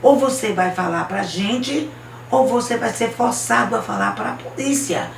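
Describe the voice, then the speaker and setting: Woman as a calm, motherly older woman in a storybook, echoey room. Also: fairly high pitch, measured pace, vocal fry, slight background noise, pitched above the performer's own voice. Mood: gentle. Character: older mother, gentle but firm. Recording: roomy, distant mic, faint ambience.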